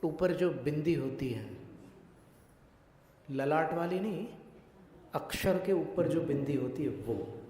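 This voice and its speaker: A male monk giving a religious discourse, teaching Sanskrit pronunciation slowly and deliberately and putting questions to his listeners. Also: a little high, a little mellow, slight background noise. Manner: slow, deliberate, questions the audience. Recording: echoey hall with long reverb.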